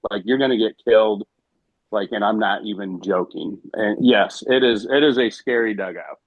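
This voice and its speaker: A man, a former high school baseball coach, telling stories casually on a podcast and acting out what others said. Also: normal speed, no echo, dull audio. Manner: animated, quotes others in his stories.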